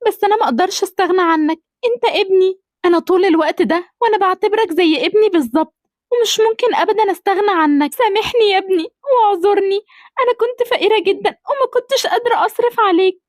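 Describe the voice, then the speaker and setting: A woman voicing a wealthy adoptive mother in an amateur cartoon drama, speaking softly and motherly, firm at times. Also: very high-pitched, rapid-fire, no room sound. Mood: pleading.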